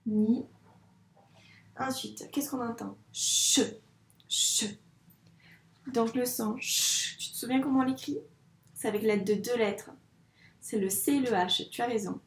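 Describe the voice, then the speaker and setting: A woman teaching young children a dictation, patiently spelling out sounds and syllables clearly for a child. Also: a little high, fairly even intonation, moderate pace, a little hiss or hum. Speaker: primary school teacher. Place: room with a whiteboard. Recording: echoey room.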